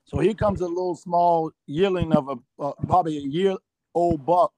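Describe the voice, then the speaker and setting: A man's voice: on the high side, steady tone, normal speed, mellow, no echo, poor audio. A middle-aged man telling rambling hunting anecdotes as a guest, often repeating "I said.". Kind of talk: storytelling anecdotes.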